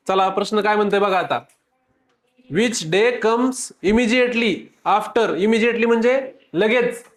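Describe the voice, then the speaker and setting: A man leads a classroom lesson, speaking to children in front of him. He keeps the class going with quick repeated questions and playful teasing, in a casual teaching style. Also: sits high.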